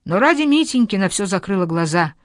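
A woman voicing a domineering, furious general's wife with a low booming voice, in a dry recording. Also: very animated, brisk, no room sound, natural voice. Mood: raging. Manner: low booming voice, raging and scornful.

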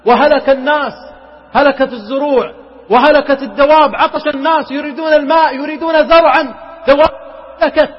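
A man's voice: very high-pitched, slightly rough. A man preaching an emotional sermon, telling a story dramatically and pleading with passion, sometimes chanting verses melodically, on a muffled recording. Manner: dramatic, rises to impassioned pleading. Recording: muffled recording with long hall reverb.

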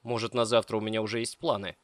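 A man voicing a confident, commanding male lover who speaks firmly and a little loudly. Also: lowish voice, level tone, fast, dry recording, close to an everyday voice.

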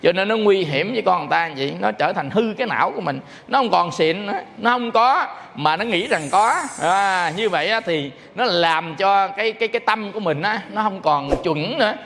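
A man's voice: sits high, a little fast, creaky, few pauses. A man preaches as a Buddhist monk. He tells his stories animatedly, acting out the callers. His voice carries a long hall reverb. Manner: animated storyteller acting out phone calls. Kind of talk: sermon with storytelling.

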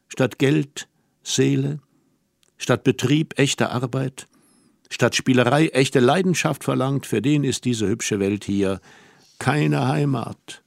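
A man reading the part of an earnest, melancholy young woman in an audiobook, in a measured, reflective way with slow emphatic pauses. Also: mid-range voice, gravelly, a little mellow, no room sound, studio quality.

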